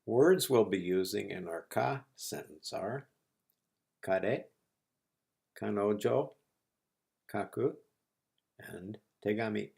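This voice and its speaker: A man teaching a language lesson, repeating each word slowly and patiently for learners. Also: fairly low pitch, creaky, darkish tone. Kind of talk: slow, patient lesson narration.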